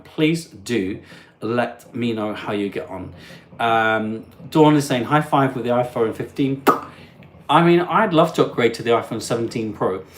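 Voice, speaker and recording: A man hosting a live stream, chatting and reading out viewer comments in a warm, self-deprecating way. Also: mid-range voice, roomy sound. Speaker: host. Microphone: phone.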